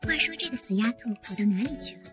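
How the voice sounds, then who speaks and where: A woman's voice: fairly high pitch, lively intonation, fast, music in the background, close to an everyday voice. A woman voicing a scheming young woman who pleads and wheedles in an audio comic story. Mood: pleading.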